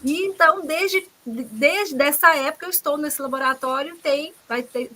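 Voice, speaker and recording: A woman's voice: high-pitched, moderate pace, sharp tone, low-quality recording. A woman with a Brazilian Portuguese accent, a guest biologist, earnestly recounting her career with frequent restarts. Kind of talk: conversational talk about her career.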